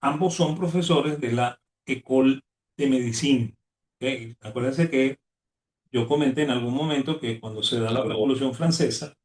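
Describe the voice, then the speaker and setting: A man lectures on economics at a middling pitch, tacking "¿ok?" onto nearly every phrase and restarting words as he goes. He stands some distance from the microphone, so his voice comes through with the roomy echo of a classroom. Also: a little mellow. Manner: constant "¿ok?" tag, restarts words. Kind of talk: university lecture. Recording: echoey room, voice away from mic.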